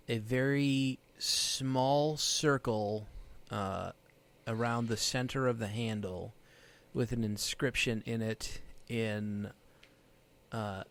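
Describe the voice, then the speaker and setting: A man narrating a tabletop game as game master, describing scenes in an unhurried, halting way with many pauses. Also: mid-range voice, gravelly.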